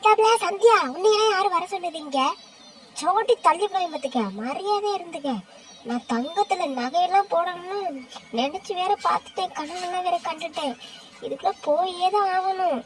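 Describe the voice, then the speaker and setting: A woman voicing a bossy, sharp-tongued woman in a cartoon who threatens everyone with slang. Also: very high voice, moderate pace, slight background noise. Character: bossy scolding village woman, greedy for gold. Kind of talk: cartoon voice acting.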